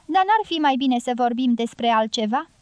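A woman reading an audiobook, voicing a quiet, restrained American man with terse, subdued lines. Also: fairly high pitch, lively intonation, clean tone, no room sound, close to an everyday voice. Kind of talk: audiobook character voice.

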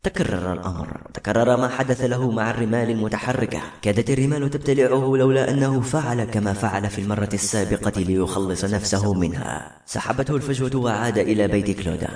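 A man reading a novel aloud as audiobook narrator, with steady, brisk storytelling. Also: fairly low pitch. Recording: echoey room.

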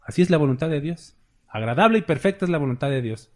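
Higher-voiced man preaching conversationally. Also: expressive, fast. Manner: conversational preaching, tags points with "¿verdad?" and "¿sí?". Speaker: pastor. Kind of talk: sermon.

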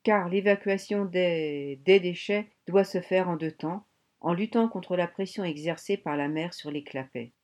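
A woman's voice: lowish voice, unhurried, a little mellow, natural voice. A woman voicing an earnest, embarrassed German submarine bosun who explains things patiently, in an audiobook. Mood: explaining.

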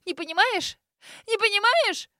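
A woman voicing a spiteful, hysterical young woman who screams her accusations in a high voice. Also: animated, normal speed, sharp tone, no echo, clean studio sound, full character voice. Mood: hysterical, screaming.

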